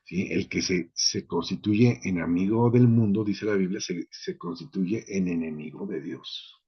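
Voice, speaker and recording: A man's voice: low-pitched, measured pace, slightly rough. A man preaching an informal sermon, who often checks in with his listeners. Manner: conversational, asks the listeners "¿sí?" often. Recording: dull lo-fi recording.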